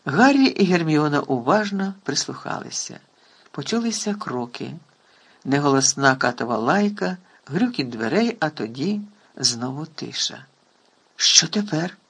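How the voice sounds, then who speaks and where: A man narrating an audiobook in a lively, expressive reading. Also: fairly high pitch, moderate pace, breathy edge. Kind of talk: storybook reading.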